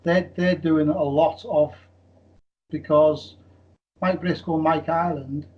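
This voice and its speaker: A man's voice: on the high side, steady tone, slow. A man answering interview questions about his team, earnest and repeating words as he starts. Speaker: team official. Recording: dull lo-fi sound.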